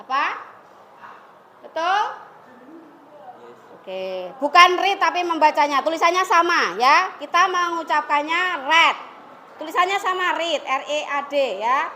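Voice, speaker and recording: A woman's voice: very high voice, lively intonation, unhurried, long pauses, pushed and bright, a little hiss or hum. A woman English teacher leading a classroom lesson, coaxing and prompting her students to come forward and answer.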